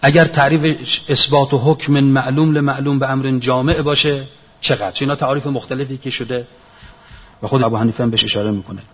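A man's voice: medium pitch, steady tone, husky. A man giving a religious lecture in an earnest, reasoning manner, repeating his key phrases for emphasis. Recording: echoey hall, dull lo-fi sound.

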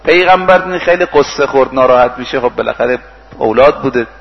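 A man's voice: medium pitch, creaky, long reverb tail, muffled recording. A male preacher giving a sermon. He retells stories, acts out the speakers' lines and recites Arabic verses. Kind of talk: sermon with storytelling.

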